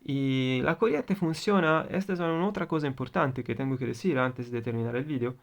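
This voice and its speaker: A native Italian speaker with an Italian accent teaches an electronics lesson on video, often repeating and rephrasing his points. His mid-range voice is creaky and he talks a little fast.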